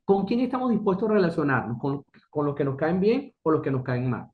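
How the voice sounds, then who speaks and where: A man's voice: on the high side, big pitch swings, brisk. A middle-aged man giving an earnest motivational talk as a business consultant, asking rhetorical questions and repeating key phrases. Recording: dull lo-fi recording.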